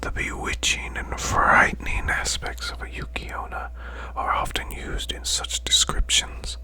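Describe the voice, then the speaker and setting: A performer plays a male demon boss telling ASMR bedtime tales in a hushed, growling, breathy whisper, slow and deliberate. The mood is hushed and eerie, though the audio is poor.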